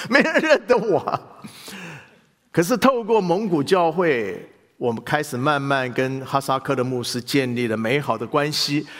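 Animated male pastor preaching in a hall. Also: medium pitch, normal speed, few pauses. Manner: animated preaching with rhetorical questions to the congregation. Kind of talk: sermon.

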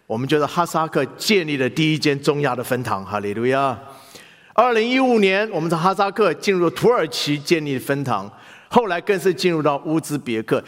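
A male pastor preaching a sermon in animated style, asking the congregation questions. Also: a little high, long reverb tail.

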